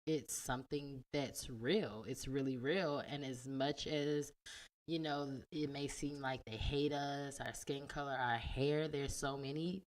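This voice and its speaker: A woman's voice: very deep voice, steady tone, unhurried. A woman co-hosting a casual podcast, talking emphatically and with sass, often calling listeners "y'all". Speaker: podcast co-host.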